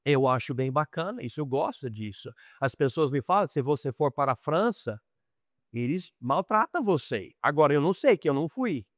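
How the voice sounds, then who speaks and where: American missionary, middle-aged, high-pitched, dry close sound, chatty lesson delivery with restarts. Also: male voice, very animated, moderate pace, no room sound. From United States. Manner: conversational, repeats and restarts words, acts out quoted dialogue. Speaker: missionary teacher. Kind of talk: informal Bible lesson.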